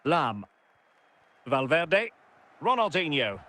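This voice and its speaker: This is a male play-by-play football commentator, recorded in a studio and played back from a game. His voice sits high and sounds bright and ringing. He calls the action in brisk bursts and names the players as the ball moves. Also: big pitch swings. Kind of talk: sports commentary.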